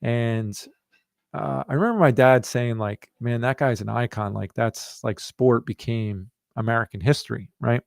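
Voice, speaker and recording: A man's voice: medium pitch, moderate pace, gravelly, dry recording, studio quality. A middle-aged man, a running coach, chatting casually and telling stories between listener questions, rambling with many fillers. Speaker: running coach and podcast host.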